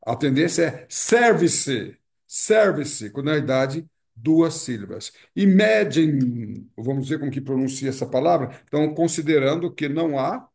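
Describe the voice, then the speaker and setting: A man's voice: fairly high pitch, fairly quick, vocal fry, hardly any pauses, a little mellow. A man from Brazil with a Brazilian Portuguese accent, teaching an online pronunciation lesson, explaining patiently and repeating key words with frequent tag questions.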